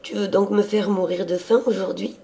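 A man voicing a cheerful, childlike young woman who is always hungry, in a high, coaxing voice. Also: steady tone, moderate pace, gravelly, mellow. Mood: eager.

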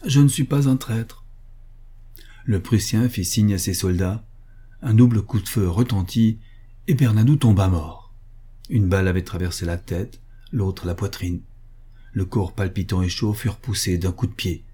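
A man narrating a story as an audiobook, in a grave, measured way. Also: sits low, warm tone, breathy edge.

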